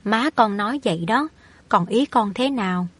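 A woman voicing a kindly older woman in a storybook reading, speaking in a gentle, coaxing way. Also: mid-range voice, animated, normal speed, husky, no echo. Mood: affectionate.

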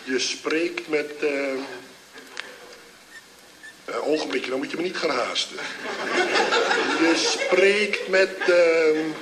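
A man's voice: fairly high pitch, slow pace, pauses often. An actor playing a hungover, groggy man who rambles and chuckles through a phone call to his drinking buddy in a comedy sketch. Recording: old echoey recording with loud hiss.

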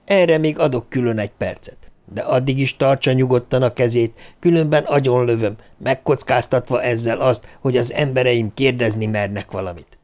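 A man's voice: mid-range voice, a little mellow, lightly acted. A male audiobook reader voicing a cold, scheming ruler who threatens a young man at gunpoint. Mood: cold menacing. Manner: icy, clipped, menacing.

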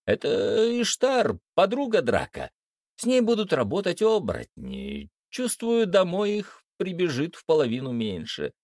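A man's voice: medium pitch, expressive, slow, dry recording, clean studio sound. A man voicing a scheming witch woman who talks with a gloating tone.

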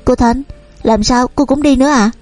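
Woman doing a young maid girl in a storybook, pleading and stammering, highish soft voice. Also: moderate pace, no room sound, faint music behind, natural voice. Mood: surprised.

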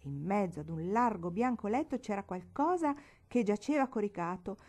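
A woman narrating a literary audiobook with expressive, dramatic storytelling. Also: mid-range voice, normal speed. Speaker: audiobook reader.

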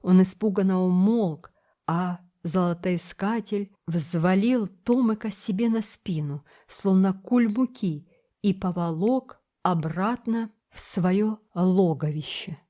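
A woman reading a children's adventure book aloud as a narrator, steady and expressive. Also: mid-range voice, takes it slowly. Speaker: audiobook narrator.

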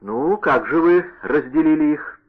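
A man voicing a bold young male musketeer who speaks in brisk exclamations. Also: on the high side, animated, voice pushed up. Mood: impatient. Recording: narrow radio-like sound.

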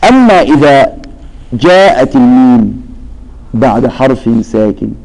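A man's voice: medium pitch, lively intonation, measured pace, a little mellow, rough recording. A man teaching a Quran recitation lesson. He asks questions and then answers them himself, and he addresses his students by name. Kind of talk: explaining lesson with recited verses.

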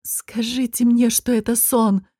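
A woman's voice: fairly high pitch, flat delivery, measured pace, warm tone, dry recording, clean studio sound. A woman voicing a proud northern queen in desperation, urgent and commanding. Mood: dazed pleading.

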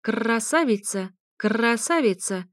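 A brash male parrot yells in shrill, repeated squawks, high and loud, as a woman reading the story puts him on. The storybook voice is close and dry, with no room around it. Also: animated, takes it slowly, no room sound. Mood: squawking.

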